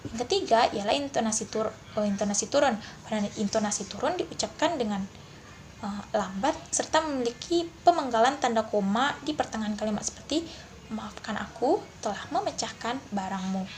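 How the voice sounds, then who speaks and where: A young woman, a university student, giving a class presentation and explaining example sentences, pausing often with fillers. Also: fairly high pitch, expressive, a little mellow, slight background noise.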